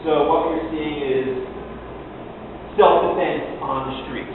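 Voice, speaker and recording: A man's voice: a little high, steady tone, slow. Distant, echoey man teaching fencing class. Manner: explanatory, acting out short quotes. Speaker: fencing instructor. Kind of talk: spoken lecture to a fencing class. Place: large echoey indoor room, recorded from afar. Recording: echoey hall, distant mic, tinny, noisy.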